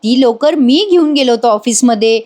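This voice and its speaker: A woman's voice: fairly high pitch, lively intonation, normal speed, mellow, close to an everyday voice. A woman voicing an eager young husband and father-to-be in a retold TV serial scene, earnest and coaxing.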